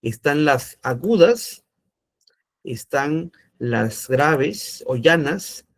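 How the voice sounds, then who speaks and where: A man's voice: on the high side, a little mellow. A man teaching an online class, explaining step by step and checking in often with his students.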